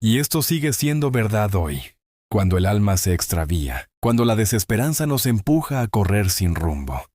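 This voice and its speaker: A man giving scripted inspirational Bible narration in a solemn, measured way, drawing out key phrases slowly. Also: on the low side, very animated, darkish tone, no room sound. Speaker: devotional narrator.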